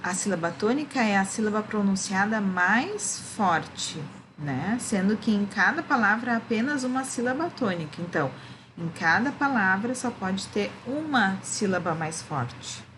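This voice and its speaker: A woman's voice: medium pitch, animated, a little slow, noisy background. A woman, a primary school teacher, gives a remote lesson to children, explaining patiently and often checking that they follow.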